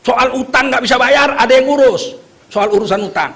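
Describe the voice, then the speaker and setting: Male preacher, strikingly high voice, fiery and joking, works the crowd with call-and-response. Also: moderate pace, background noise. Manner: fiery, joking, prompts the crowd to answer back. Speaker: Islamic preacher. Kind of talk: rousing sermon with call-and-response.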